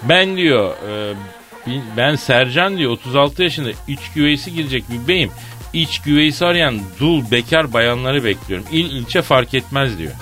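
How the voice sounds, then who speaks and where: A man hosting a comedy radio show, joking and laughing through quick asides. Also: medium pitch, lively intonation, bright, forceful tone, soft background music. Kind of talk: comic radio banter.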